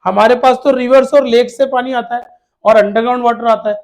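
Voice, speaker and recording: A man's voice: very high voice, fairly even intonation, brisk. A male teacher giving an exam-prep lesson to children, addressing them fatherly as "beta" and asking questions he answers himself, repeating key words. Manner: calls students "beta" in a fatherly way.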